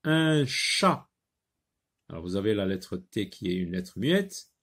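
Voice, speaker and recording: A man teaching a French phonics lesson, repeating words and sounds slowly and deliberately, sometimes translating instructions into Arabic. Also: sits low, very animated, a little mellow, slightly rough.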